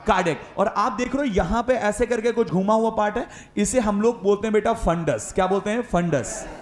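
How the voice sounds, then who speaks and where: A man's voice: high-pitched, brisk, roomy sound. A man teaching a biology lesson in Hindi-English, drilling his class by repeating each question and answer and calling listeners beta. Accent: Hindi-speaking north Indian. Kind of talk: classroom lecture with call-and-response drilling.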